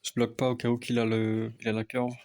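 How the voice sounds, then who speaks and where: A young man softly explaining a card game deck as casual gameplay commentary, often hesitant with fillers. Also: monotone, quick pace. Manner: speaks softly, low volume. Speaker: card game content creator.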